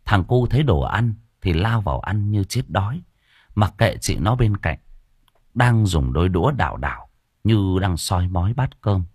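Deep voiced guy reading a story, lots of up and down, dry close sound. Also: normal speed, breathy edge, dry recording. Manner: expressive, dramatic. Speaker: audiobook narrator. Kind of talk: storytelling narration.

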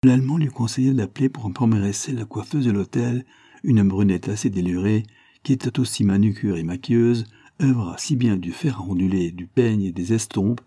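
A man reading an audiobook novel in a measured, literary way. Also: fairly low pitch, warm tone, breathy edge, no echo. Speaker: narrator. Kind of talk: audiobook narration.

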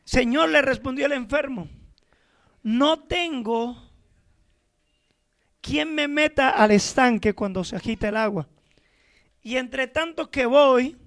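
A man's voice: very high-pitched, slow, long pauses. A male pastor preaching a sermon, pressing his listeners with rhetorical questions and calling them brother.

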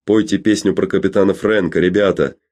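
A flattering, goading barman who keeps egging his patron on, as a male audiobook reader voices him. The voice is very low and warm-dark. It stays close to the reader's own plain delivery. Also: a little fast. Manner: coaxing, egging on. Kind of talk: audiobook character voice.

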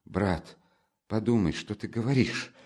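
A man voicing a proud, hot-tempered young woman in a spoken storybook, mostly soft and restrained. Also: fairly low pitch, a little slow. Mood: hushed.

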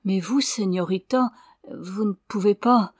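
A woman's voice: mid-range voice, a little slow, darkish tone, no echo, studio quality, close to an everyday voice. A woman reading the lines of an earnest, sorrowful young Indian man in an audiobook. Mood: pleading.

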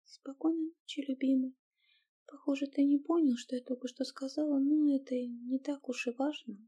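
Woman voicing a high, pleading young girl. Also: expressive, a little slow, mellow, lo-fi sound. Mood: tender. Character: frightened tender young woman in love.

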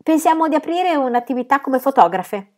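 A woman's voice: high-pitched, expressive, a little fast, pitched above the performer's own voice. A woman voicing a determined young eldest sister. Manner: firm and earnest. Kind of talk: audiobook reading.

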